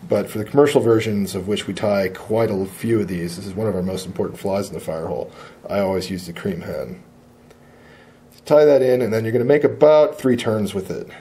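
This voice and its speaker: A man demonstrating fly tying at a shop bench. He talks in a relaxed, plain-spoken way and often says uh. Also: fairly low pitch, fairly quick.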